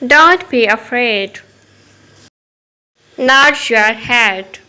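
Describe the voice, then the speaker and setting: Woman, English teacher for kids; slightly high, crisp delivery, each line repeated. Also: animated, pushed and bright, low-quality recording. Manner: slow, clear, each phrase said twice. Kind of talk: repeating phrases for learners.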